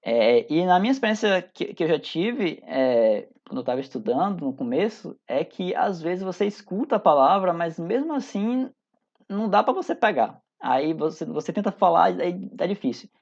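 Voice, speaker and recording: Brazilian teacher in their 30s talking thru an online class, lots of uhs n restarts, mid pitch, kinda muffled audio. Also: sing-song, normal speed, a little mellow. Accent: Brazilian Portuguese. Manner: informal and chatty, many hesitations and restarts. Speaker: English teacher. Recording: dull lo-fi audio.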